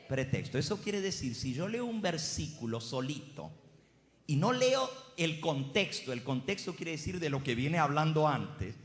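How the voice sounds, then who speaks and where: A man preaching a sermon, speaking straight to his congregation with an emphatic, drawn-out cadence. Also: a little high, fairly bright tone, echoey room, in a large hall.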